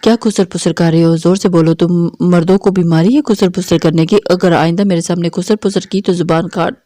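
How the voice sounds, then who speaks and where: A woman's voice: fairly low pitch, steady tone, mellow, no room sound, natural voice. A woman reading as a weepy, bossy young woman. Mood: tearful, scolding. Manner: tearful, scolding threats.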